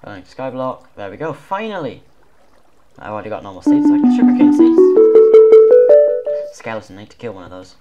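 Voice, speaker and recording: A man giving let's play commentary as a gaming YouTuber, excitable and self-mocking with sudden loud outbursts. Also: on the low side, quick pace, lo-fi sound, soft background music.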